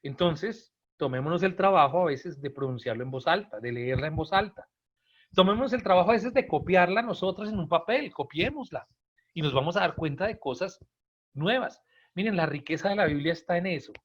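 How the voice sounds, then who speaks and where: A man's voice: on the high side, lively intonation, a little fast. Man giving a lo-fi Bible talk. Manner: conversational, often checks in with listeners; acts out quoted lines with sudden emphasis. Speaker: Bible teacher. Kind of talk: informal Bible talk to a group. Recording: dull lo-fi recording.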